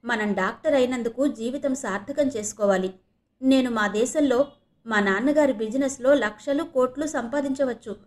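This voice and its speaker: A woman's voice: a little high, normal speed, a little mellow, close to an everyday voice. Woman voicing a teasing young medical student. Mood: playful. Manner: playful, teasing. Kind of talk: audiobook character reading.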